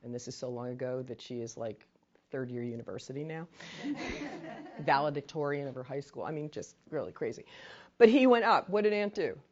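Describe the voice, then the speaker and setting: In a meeting room, a woman with a very deep voice runs a casual training lecture at a moderate pace, the recording's highs cut off. She's chatty and animated, telling stories full of asides.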